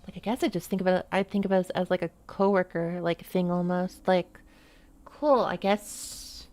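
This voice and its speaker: A woman's voice: lowish voice, fairly even intonation, normal speed, darkish tone. A woman streaming a game, talking casually and rambling with lots of fillers. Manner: chatty, rambling, many "like" fillers. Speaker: VTuber streamer. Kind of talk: casual chat while playing a game.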